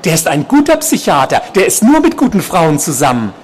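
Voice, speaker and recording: A man voicing a soft-spoken, obsessive male psychiatric patient, quiet and insistent, while reading from his novel. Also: a little high, wildly swooping pitch, brisk, a little hiss or hum, pitched above the performer's own voice.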